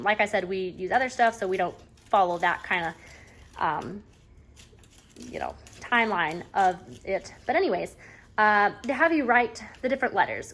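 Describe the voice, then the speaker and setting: A mother who homeschools chats at home at a table, reviewing a reading curriculum in a mid-range, somewhat bright voice. She wanders from point to point and keeps saying "anyways," with faint clicks and background noise in the recording.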